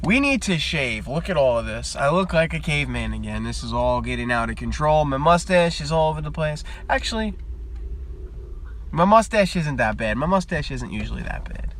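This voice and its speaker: Young male streamer, casual and rambling, a touch higher than most, talking into a phone in his parked car. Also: lively intonation, normal speed, a bit bright, slight background noise. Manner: rambling, chatty, easily sidetracked. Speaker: live streamer. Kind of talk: casual live-stream chat.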